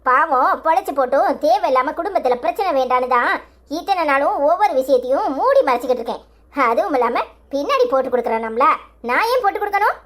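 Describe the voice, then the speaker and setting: A performer voicing a fed-up young wife in a cartoon comedy, speaking with a Tirunelveli Tamil accent. She scolds hard in a high voice that rises and falls a lot. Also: expressive, fast, fairly bright tone. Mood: indignant. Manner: scolding, indignant.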